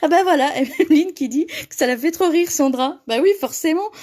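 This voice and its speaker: A woman's voice: high voice, animated, brisk, a little mellow. A woman hosting a live paper-craft tutorial, chatting with viewers and laughing often as she reads their comments.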